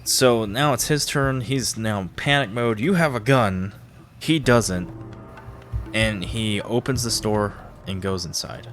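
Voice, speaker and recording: A man with a slightly low voice runs a tabletop game as game master, describing each shot and hit for his players. He gets audibly excited when the dice come up big. Music plays softly behind him. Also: unhurried. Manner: excitable, gasps at big rolls. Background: background music.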